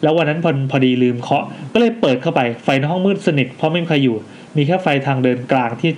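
A man's voice: fairly high pitch, a little hiss or hum. A man co-hosting a casual podcast, reading listener ghost stories aloud with jokey asides. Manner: animated, quick reactions, jokey asides while reading.

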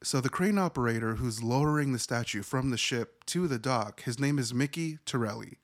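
A man's voice: mid-range voice, normal speed. Rambling, cursing man recapping a film. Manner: rambling, profane, self-correcting. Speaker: podcast host reviewing a movie. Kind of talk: casual spoken movie recap.

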